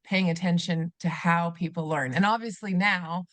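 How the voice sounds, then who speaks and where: This fairly low, fairly even voice belongs to a middle-aged woman from Canada, a former teacher whose native language is German. She talks at normal speed with a fairly bright tone and no room sound, appearing as a guest on a podcast interview. Earnest and reflective, she restarts herself frequently and leans on fillers.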